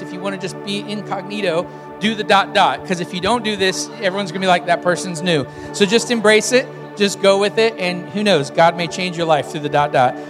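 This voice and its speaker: High-voiced male pastor, casual delivery. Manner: conversational, addressing the congregation directly. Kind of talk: informal sermon welcome and announcements. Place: large church room with PA. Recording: hall reverb, music behind.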